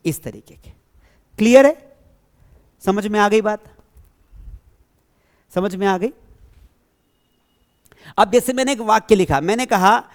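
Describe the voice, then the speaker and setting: A man teaching an English grammar lesson to a class. He keeps checking that the students follow, and he asks questions and then answers them himself. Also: high-pitched. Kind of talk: classroom lesson explaining tenses.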